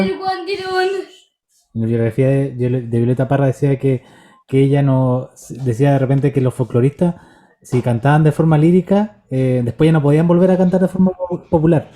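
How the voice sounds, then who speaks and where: Man moderating a zoom talk, deep warm tone, slightly high pitch, lots of ums and restarts. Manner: hesitant, many fillers and restarts while framing a question. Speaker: moderator asking the guest a question. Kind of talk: casual talk on a video call. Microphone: video call.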